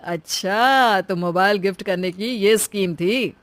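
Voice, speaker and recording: A woman's voice: medium pitch, measured pace, dry recording, close to an everyday voice. A woman voicing a reasonable, teasing young husband in a cartoon story. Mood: reproachful, teasing.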